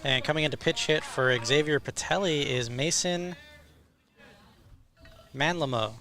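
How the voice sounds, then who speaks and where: A man's voice: on the high side, measured pace, pushed and bright. A man giving live play-by-play commentary as a baseball announcer.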